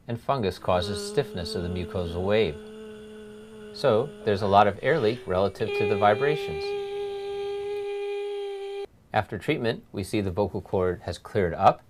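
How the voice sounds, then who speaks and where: A male doctor narrates a scripted medical lecture. His voice sits on the low side, and he explains in a measured way, leaning on the important points. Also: noisy background. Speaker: laryngologist lecturer.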